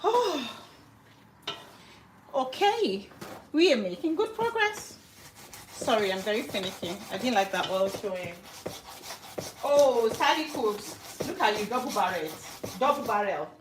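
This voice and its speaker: A woman's voice: on the high side, sing-song, a little slow, long pauses, background noise. A woman from Nigeria, chatting casually to live viewers while she cooks in her home kitchen and greets them by name. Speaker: cooking livestream host. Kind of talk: casual live cooking stream. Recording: roomy kitchen echo.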